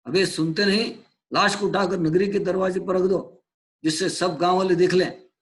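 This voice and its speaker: A man voicing a boastful, mighty male hero who taunts and shouts, reading a play aloud to a class. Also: high-pitched, fairly even intonation, normal speed. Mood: commanding.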